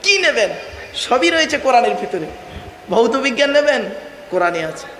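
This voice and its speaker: A man delivers a declamatory sermon in a very high, bright, forceful voice, repeating his phrases and calling his listeners "baba". He sounds like he is in a large hall with a long, echoing reverb. A faint murmur of ambience sits behind him. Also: sing-song, slight background noise. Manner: chants Arabic verses slowly. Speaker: preacher. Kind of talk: Bengali waz sermon to a gathered audience.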